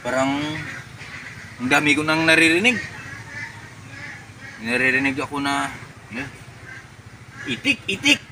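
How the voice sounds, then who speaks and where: A man playing a naive, excitable would-be superhero in a comedy skit, thinking aloud in melodramatic exclamations. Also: medium pitch, unhurried, long pauses. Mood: puzzled, curious. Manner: exclamatory, melodramatic self-talk with villain-like laughing. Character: excitable naive man turning superhero after a chicken peck. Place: outdoors. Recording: noisy outdoor recording with vehicle sounds.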